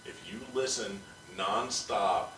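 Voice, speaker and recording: A man's voice: on the low side, steady tone, takes it slowly, sharp tone, reverberant, distant mic, slight background noise, poor audio. A man hosting a podcast in casual chat, talking bluntly and profanely in a ranting way. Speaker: podcast host.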